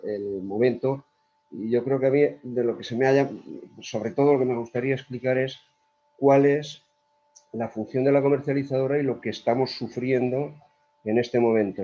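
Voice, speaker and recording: A man with an accent from Spain speaks in a panel debate as an energy company executive. His voice is mellow and his delivery hesitant, with words repeated. The sound is dull and lo-fi, like video call audio. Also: medium pitch.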